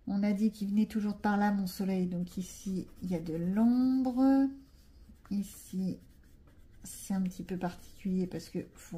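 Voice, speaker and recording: This coloring vlogger speaks with a French accent in a mellow, medium-pitched voice. She chats casually as she colors, thinking aloud and poking fun at herself while explaining every step of the tutorial.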